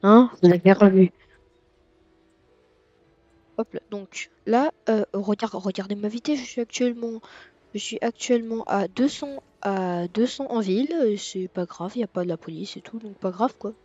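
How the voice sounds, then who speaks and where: A man giving casual let's-play commentary on a racing game, rambling and hesitant with lots of fillers and sudden excited outbursts. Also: high-pitched, moderate pace. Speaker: gaming video creator. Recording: dull lo-fi mic with faint music.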